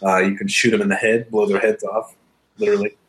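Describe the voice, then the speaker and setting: Low-voiced podcast guy, excitable and rambly, laughs a lot. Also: quick pace, poor audio. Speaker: podcast co-host. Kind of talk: casual podcast chat.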